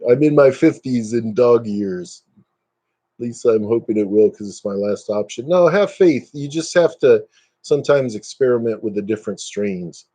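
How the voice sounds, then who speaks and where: A man's voice: medium pitch, expressive, moderate pace, mellow. A man in his fifties hosting a casual live stream, chatting and joking at his own expense. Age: 50s. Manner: joking, self-mocking, chatty.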